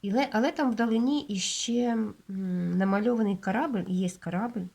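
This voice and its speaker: A woman with a Ukrainian accent giving a casual tarot reading, explaining each card in an unhurried way, with many hesitations and checks with the viewer. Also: mid-range voice, gravelly, darkish tone. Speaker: tarot reader.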